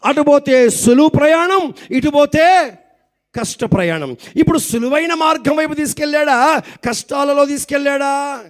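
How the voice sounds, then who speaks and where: A male pastor with a Telugu accent preaches in a strikingly high voice. He moves from quiet, conversational asides to loud, shouted exclamations. He keeps pressing the church congregation to respond loudly. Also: animated, normal speed. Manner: swings between quiet talk and shouted exclamations. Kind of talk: sermon.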